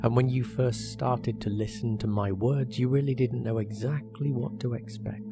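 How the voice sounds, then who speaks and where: Man, mid-pitched voice, guided hypnosis, soothing measured delivery, short phrases with pauses, clear background music. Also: steady tone. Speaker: hypnotherapist guiding relaxation. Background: meditation music.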